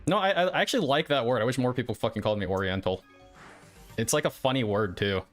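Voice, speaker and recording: Reacting to another player's stream, a quick-paced man with a medium-pitched voice rambles casually, bluntly and hesitantly, with plenty of profanity. Music and the other streamer's gameplay play in the background.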